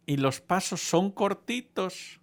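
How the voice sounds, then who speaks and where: During a sermon, a man with a high voice tells his congregation a funny story, slowly and with playful animation. He keeps restarting his lines as he goes.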